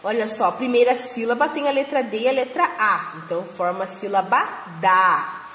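A Brazilian woman teaching small children to read, spelling syllables slowly and patiently. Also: a little high, fairly bright tone, slight background noise. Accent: Brazilian Portuguese. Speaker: kindergarten teacher. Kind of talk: slow phonics lesson for small children. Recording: echoey room with long reverb.

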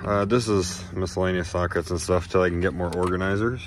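A man with a low, steady voice talks a little fast as he casually walks around his farm truck outside, rambling through a list of tools with plenty of "uh"s. He holds a phone camera by the pickup, and the outdoor phone audio is noisy.

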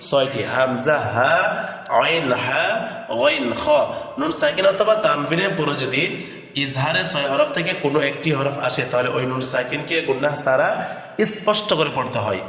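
A man teaching Quran reading, spelling out letters and explaining the rules, then slowly chanting the words in a drawn-out sung style. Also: on the high side, lively intonation, bright, forceful tone, recorded from a distance. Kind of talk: step-by-step tajweed lesson with chanted recitation. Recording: echoey hall, voice from afar.

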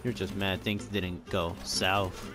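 A man's voice: low-pitched, little pitch movement, slow. A young man hosting a gaming channel, chatting casually and joking with a friend while playing, with game music behind him. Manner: joking, laughing, teasing. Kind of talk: casual gameplay chat with a friend.

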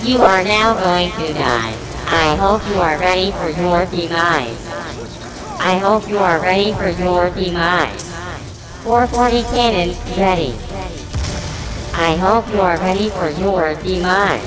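A man doing a robot voice for a menacing war drone that vows to kill all humans, in slow, flat, monotone threats. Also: high voice, rough recording. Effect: put-on robot voice. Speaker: gamer playing live.

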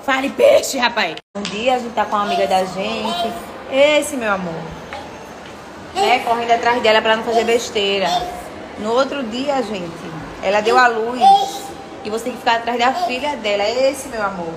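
A young woman, chatting excitedly to viewers as she films a hotel tour on her phone. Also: on the high side, moderate pace, background noise. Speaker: vlogger. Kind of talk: casual vlog tour.

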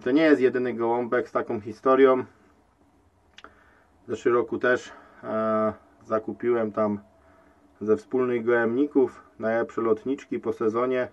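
A man who breeds pigeons, casually vlogging from his loft and talking in a slow, rambling way with many hesitations. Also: medium pitch, little pitch movement, highs cut off. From Poland. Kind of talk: casual vlog walkthrough. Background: pigeons cooing, faint outdoor noise.

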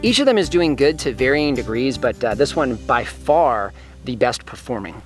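Male vlogger, casual outdoor garden walkthrough, chatty and enthusiastic, soft music bed. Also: medium pitch, expressive, normal speed. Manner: chatty, enthusiastic, talks while eating. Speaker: homesteading vlogger. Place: outdoors in an orchard.

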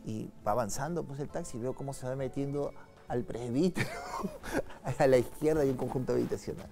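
Un hombre con acento peruano, invitado ocultista, que narra con calma y en voz baja una experiencia personal en una entrevista. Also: male voice, medium pitch, fast, creaky, soft background music. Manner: soft-spoken, calm storytelling with frequent tag questions. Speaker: occultist guest. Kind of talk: telling a personal story in an interview.

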